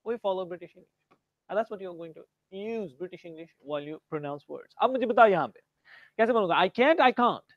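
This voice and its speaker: A man's voice: high-pitched, rapid-fire, dull audio. An Indian-accented man leads a grammar lesson. He drills his students by name and slips between English and Hindi as he explains. The sound is dry, with no room echo. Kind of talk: live grammar class.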